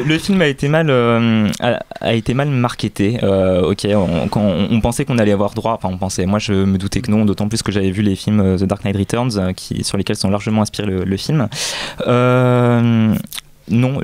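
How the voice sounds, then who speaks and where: A man's voice: fairly low pitch, darkish tone, dry recording. A young man on a radio film show, giving his opinion on a film, hesitating often with fillers. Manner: hesitant, many fillers, trails off. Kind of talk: casual chat about films.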